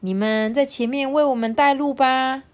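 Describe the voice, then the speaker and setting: A woman voicing a caring female dinosaur teacher in a children's story, bright and reassuring. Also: high voice, steady tone, moderate pace, voice pushed up, lightly acted. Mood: cheerful. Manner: bright, reassuring, sing-song.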